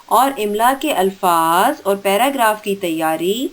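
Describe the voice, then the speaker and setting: A woman's voice: mid-range voice, animated. Woman teacher dictating vocabulary. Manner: reads vocabulary words then gives meanings; slow deliberate dictation pace. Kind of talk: online school lesson.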